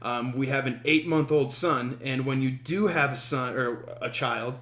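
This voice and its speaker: A man from Denver hosting his podcast, telling a story in a casual, halting way full of ums, with a wry, self-amused humor. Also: medium pitch, sharp tone, reverberant. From Denver, USA. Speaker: podcast host.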